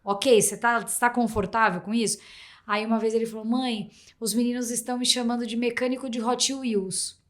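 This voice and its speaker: A woman with a Brazilian Portuguese accent hosting a podcast, telling stories in an animated way, acting out her child's replies, often restarting her sentences. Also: a little high, a little fast. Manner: rambling with frequent restarts. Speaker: podcast host. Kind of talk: casual interview chat.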